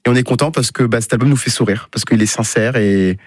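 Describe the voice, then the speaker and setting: A man's voice: mid-range voice, fast, slightly rough, dry recording, studio quality. A man speaking informally and enthusiastically as a musician in a casual radio interview. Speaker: band musician, interview guest.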